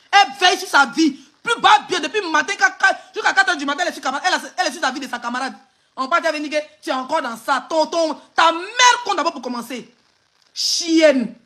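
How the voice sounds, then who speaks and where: A woman's voice: sits high, pushed and bright. A woman with an Ivorian French accent on a phone live stream, hurling insults and mocking laughter in an angry rant.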